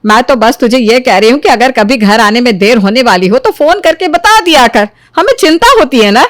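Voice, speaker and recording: A woman's voice: on the high side, lively intonation, moderate pace, fairly bright tone. A woman voicing a worried middle-aged mother who frets and scolds her daughter. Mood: coaxing. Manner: fretful, scolding.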